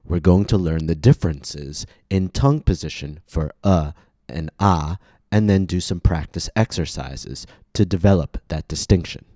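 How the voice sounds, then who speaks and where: American male language instructor, low mellow voice, careful deliberate enunciation, scripted lesson read. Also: no room sound, studio quality. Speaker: pronunciation teacher and podcast host.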